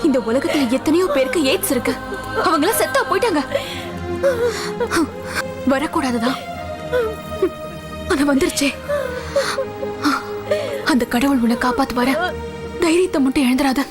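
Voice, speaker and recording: A woman's voice: sits high, animated, normal speed, pauses often. An actress playing a caring woman who earnestly reassures a sick friend. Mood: reassuring. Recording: film soundtrack with music behind.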